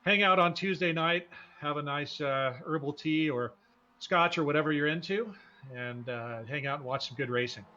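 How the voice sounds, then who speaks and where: Dull lo-fi broadcast audio carries a man's fairly high, bright, forceful voice at a normal pace. He's the host and commentator of a live sim racing broadcast, keeping things casual, folksy and enthusiastic.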